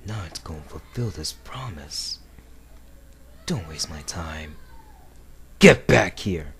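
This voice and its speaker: Man voicing brooding, slow-talking Shadow the Hedgehog. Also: a bass voice, expressive, over music, voice pushed down, exaggerated voice. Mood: cold, menacing, then furious, shouting. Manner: slow, dramatic, haughty, cold. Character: brooding, arrogant male hedgehog antihero, intense and menacing. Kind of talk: video game character voice demo. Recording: noisy amateur home recording.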